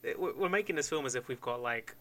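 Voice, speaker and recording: A man's voice: medium pitch, expressive, fast, crowd noise. A man co-hosting a podcast in a casual, rambling chat, swearing and laughing often. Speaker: podcast co-host.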